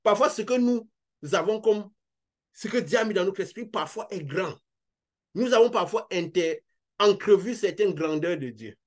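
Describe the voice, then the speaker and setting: A man's voice: high voice, lively intonation, moderate pace. Earnest French-speaking male preacher. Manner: earnest, repetitive, rising and falling emphasis. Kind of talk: sermon.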